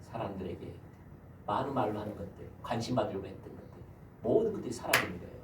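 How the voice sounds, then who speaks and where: A man's voice: on the low side, lively intonation, fast, background noise. A man, the senior pastor, giving a Sunday sermon and putting rhetorical questions to his congregation. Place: church sanctuary. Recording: echoey church hall, mic at a distance.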